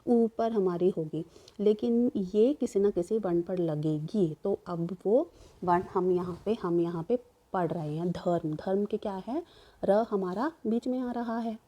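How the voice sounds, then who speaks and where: A woman's voice: mid-range voice, unhurried, warm tone. A woman teacher giving a grammar lesson, explaining step by step and asking and answering her own questions. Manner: repeats "ठीक है" to check understanding.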